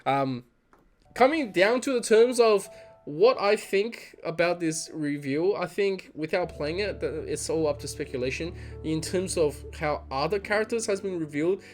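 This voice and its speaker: A man hosting a casual video-game trailer reaction, talking excitedly, laughing often and imitating lines he hears. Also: on the high side. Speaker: gaming video host.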